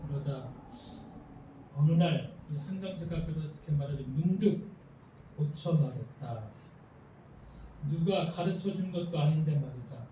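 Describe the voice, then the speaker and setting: Calm pastor preaching in an echoey hall. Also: male voice, fairly high pitch, lo-fi sound, slight background noise. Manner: calm, measured preaching with soft read-aloud passages. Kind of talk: Sunday sermon. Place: church sanctuary. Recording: echoey hall, mic from a distance, faint ambience.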